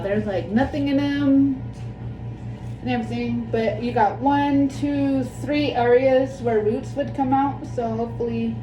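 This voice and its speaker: A woman's voice: high-pitched, mellow. A woman in her thirties with a lisp, chatting casually and in a rambling, self-deprecating way as she demonstrates something for a vlog. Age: 30s. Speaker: plant vlogger. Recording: echoey room, distant mic, background music.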